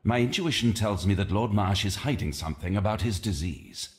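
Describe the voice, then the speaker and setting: A male actor plays an earnest Victorian gentleman doctor with an English accent. His low voice moves in lively swings, formal and concerned, as game dialogue with faint noise behind it. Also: brisk, natural voice. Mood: studious. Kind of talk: video game dialogue acting.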